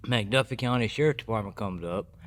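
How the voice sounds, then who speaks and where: A man giving his personal recovery testimony as a podcast guest, earnest and halting with many restarts. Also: fairly low pitch, a bit bright.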